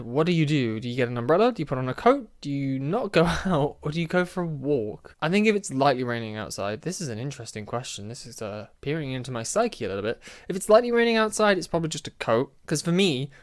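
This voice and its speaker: A young man, casually chatting on his own through a quiz, self-mocking and often laughing. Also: medium pitch. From United Kingdom. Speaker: podcast host. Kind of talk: casual solo chat answering a quiz.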